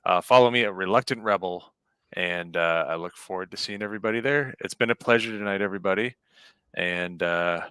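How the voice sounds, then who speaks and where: A man's voice: sits low, brisk, pushed and bright, smooth, no room sound. A man, a guest on a podcast, plugging his own show with a hesitant delivery full of filler words. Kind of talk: casual sign-off plug.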